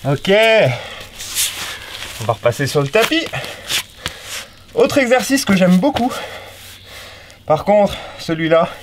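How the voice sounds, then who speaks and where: Guy coaching a home ab workout, fairly high voice, upbeat, counts reps out loud and chats in between. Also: very animated, slow pace, long pauses, background noise. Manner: upbeat, counts reps aloud, chatty asides. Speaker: fitness coach. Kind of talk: guided home workout instruction.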